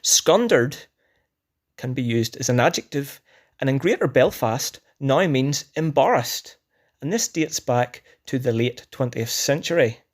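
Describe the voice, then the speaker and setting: A man's voice: medium pitch, lively intonation. Northern Irish man reading an educational script. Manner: measured dictionary-style delivery with definitions and examples. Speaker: language teacher presenting a word list.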